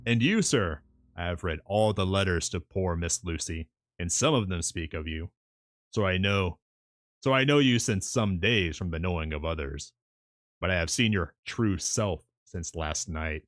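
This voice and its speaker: A man's voice: low-pitched, moderate pace, a bit bright, no echo, clean studio sound. A man voicing a kindly, earnest old professor with solemn, courtly and quaintly broken phrasing in a storybook reading.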